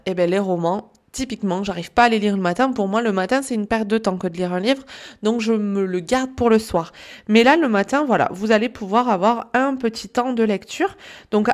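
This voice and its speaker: A woman wellness coach giving casual spoken advice to listeners, chatty and full of pauses with "euh" and "hop". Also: medium pitch.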